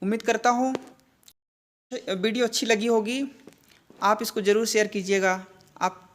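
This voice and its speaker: A woman's voice: medium pitch, steady tone, slight background noise. A woman teaching a grammar lesson, asking questions and answering them herself, with frequent check-ins to her listeners. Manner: slow, deliberate spelling-out of sounds. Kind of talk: classroom-style grammar lesson.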